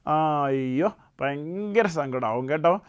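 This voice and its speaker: A man hosting a children's puppet show, telling a folk tale gently and often asking the young listeners questions. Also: fairly high pitch, lively intonation, takes it slowly, clear, resonant tone. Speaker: puppet show host and storyteller. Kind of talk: storytelling to children.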